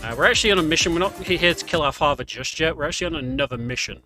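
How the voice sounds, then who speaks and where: A speedrunner gives casual, slightly hesitant gameplay commentary, often correcting himself. His voice is a little high, bright and forceful, with lively intonation and rapid-fire delivery, over game music and sounds.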